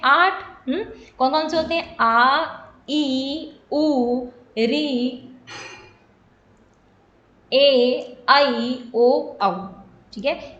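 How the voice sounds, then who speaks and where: A woman's voice: sits high, roomy sound, slight background noise. A woman teaching an exam-prep lesson, explaining step by step, asking questions and answering them herself, and checking in with the students again and again. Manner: explains slowly, asks and answers her own questions, repeats "ठीक है ना". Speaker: Sanskrit teacher.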